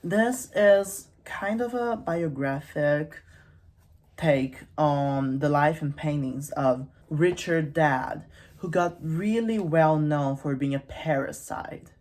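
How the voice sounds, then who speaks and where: The host of a literary channel, a woman with a deep, darkish voice, speaks slowly. She offers casual, humorous literary commentary in a conversational way, full of wry, irreverent asides.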